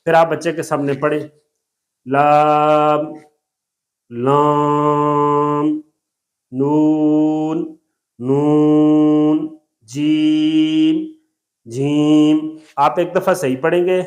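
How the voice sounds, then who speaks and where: A man's voice: on the high side, level tone. Patient man teaching letter sounds. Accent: Pakistani Urdu. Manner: slow drawn-out letter demonstrations, patient explaining. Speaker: Quran recitation teacher. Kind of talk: explanatory tajweed lesson.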